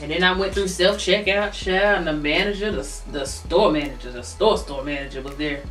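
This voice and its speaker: A woman's voice: fairly low pitch, a little fast. A woman chatting casually and chewing while she talks, telling things in a folksy, exclaiming way. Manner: animated storytelling with folksy exclamations. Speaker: mukbang co-host. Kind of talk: casual chat. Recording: echoey room, distant mic, faint music.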